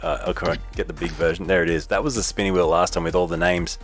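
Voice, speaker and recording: A man's voice: low voice, steady tone, fast, soft background music. An Australian man hosting a sim racing broadcast, wrapping up and plugging sponsors in an easygoing way. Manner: easygoing, reads sponsor plugs. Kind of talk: casual post-race wrap-up.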